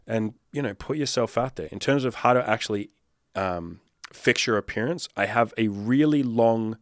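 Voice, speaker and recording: A man's voice: lowish voice, moderate pace, no echo, clean studio sound. A man in his thirties, a dating coach giving blunt, profane, fired-up advice in a casual monologue. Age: 30s.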